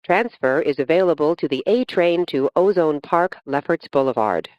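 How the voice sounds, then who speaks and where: A woman reads scripted automated subway announcements in a formal, measured manner, phrase by phrase. Her voice sits low, and the high frequencies are cut off.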